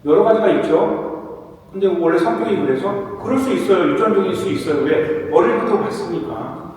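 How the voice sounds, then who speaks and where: A man's voice: high-pitched, expressive, normal speed, darkish tone, a little hiss or hum. A man from South Korea, a priest giving a sermon-style talk to his parish, often asking the audience questions and answering them himself. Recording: echoey hall recorded from far off.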